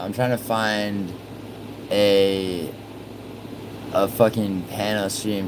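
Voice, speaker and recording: A man hosts a casual livestream, reading out viewer messages as he goes. He rambles, swears freely and lets sentences trail off. A steady air-conditioning hum runs underneath. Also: low-pitched. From born in Italy, raised in New York. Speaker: livestream host.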